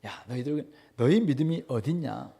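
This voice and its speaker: A man's voice: mid-range voice, lively intonation, normal speed, vocal fry, warm tone, husky. A man voicing Jesus as he scolds his disciples with exasperated questions during a sermon. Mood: scolding.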